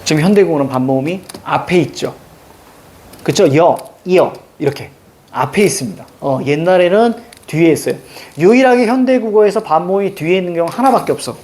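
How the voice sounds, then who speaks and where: Lively high-pitched male teacher lecturing. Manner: drills students with frequent check-in questions; drawn-out emphasis on example words. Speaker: Korean language teacher. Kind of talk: classroom lecture.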